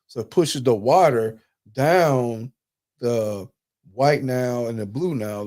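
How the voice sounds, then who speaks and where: A man's voice: mid-range voice, darkish tone. A man hosting a live talk, lecturing over slides in a conversational, emphatic way, with speech. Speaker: host.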